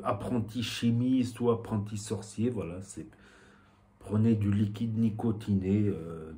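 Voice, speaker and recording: A man's voice: fairly low pitch, darkish tone. A man with a southwestern French accent talking casually to the camera in a vlog, rambling with many fillers and a repeated "voilà". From southwest France. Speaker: YouTuber.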